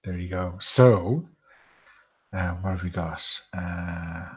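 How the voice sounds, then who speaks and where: A man's voice: low voice, slow, darkish tone, slightly rough, highs cut off. A man running a tabletop game as game master, hesitant and easygoing, with lots of fillers.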